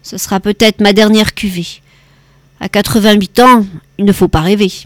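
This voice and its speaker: A woman voicing a cantankerous 88-year-old male winegrower who is gruff but kind at heart, blustering and lecturing in an audiobook. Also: fairly even intonation, moderate pace, no room sound, lightly acted. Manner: blustering, lecturing, louder and higher than narration. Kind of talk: audiobook character voice.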